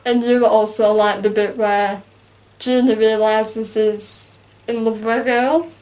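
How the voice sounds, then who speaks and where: A woman's voice: fairly high pitch, slow pace. Chatty young woman. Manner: chatty and animated, acts out quotes with laughs. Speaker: co-host. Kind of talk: casual chat reviewing a film.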